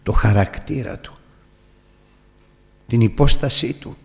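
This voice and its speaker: A man preaching a sermon with passion, often swelling to near-shouts. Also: medium pitch, creaky. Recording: long hall reverb.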